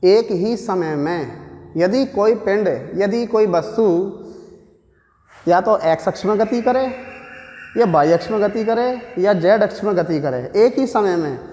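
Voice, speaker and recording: A man's voice: high voice, unhurried, mellow. A man with a Hindi accent teaching a physics lesson at a board, explaining step by step and answering his own questions. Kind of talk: classroom physics lecture at a board. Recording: echoey room with long reverb.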